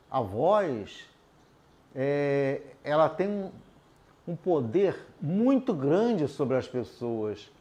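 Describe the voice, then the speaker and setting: Slightly high and darkish in tone, this man's voice guides an adult literacy class at the board. His explanations come slowly and patiently, punctuated by check-ins like "tudo bem?".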